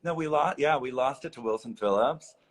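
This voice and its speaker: A man's voice: medium pitch, fairly quick. A young man hosting a casual livestream chat, chatty and self-deprecating, laughing often. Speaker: livestream host. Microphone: phone livestream.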